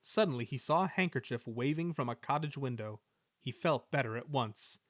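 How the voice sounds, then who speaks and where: Lively-voiced man narrating a story. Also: medium pitch, normal speed, dry recording, studio quality. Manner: expressive storytelling delivery. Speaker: storybook reader. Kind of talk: scripted narration of a children's story.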